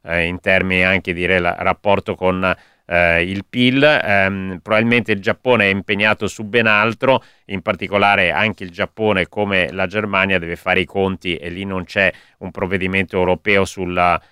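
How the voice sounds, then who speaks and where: A man with a deep, forceful and clear voice comments on the economy live on radio. He explains in a measured, informative way. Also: level tone, no room sound, clean studio sound.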